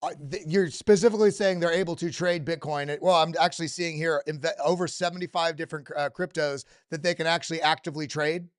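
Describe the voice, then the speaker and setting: A man hosts an interview with eager energy, cutting in to stress points and read out viewer questions. His voice sits fairly high and sounds smooth and clear. The sound is dry and close, with no room around it. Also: steady tone, fast talker, hardly any pauses, no echo. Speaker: host. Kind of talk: casual interview.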